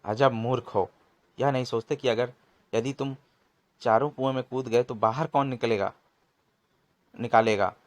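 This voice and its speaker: A man's voice: mid-range voice, steady tone, normal speed, long pauses, no room sound, lightly acted. A man doing a blustering bossy village chief. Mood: scolding. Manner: scolding, blustering. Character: bossy middle-aged male village chief of thieves.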